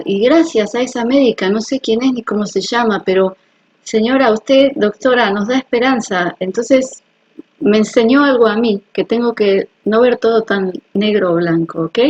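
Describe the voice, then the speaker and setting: Hosting her own health video, a woman with a mid-range, slightly mellow voice talks to viewers in a casual, earnest and personal way, checking that they follow along. The audio sounds dull.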